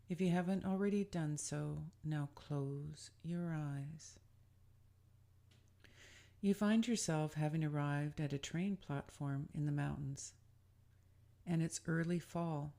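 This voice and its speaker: A woman acting as a spiritual guide leads a scripted guided meditation, speaking in a soothing, deliberate and gently instructive way. Her voice sits low and carries vocal fry.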